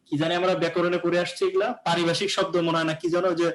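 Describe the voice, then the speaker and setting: Man teaching pronunciation, slightly high voice. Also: flat delivery, racing, low-quality recording. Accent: Bangladeshi. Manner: explains patiently, often checks understanding with rhetorical questions. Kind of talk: live classroom lesson.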